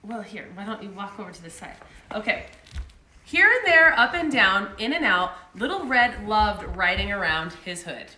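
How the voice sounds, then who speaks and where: A story time host from Colorado, United States, reads a picture book aloud to children in an upbeat, chatty way. Her mid-range voice is very animated, pushed and bright at a normal speed, and the room is echoey.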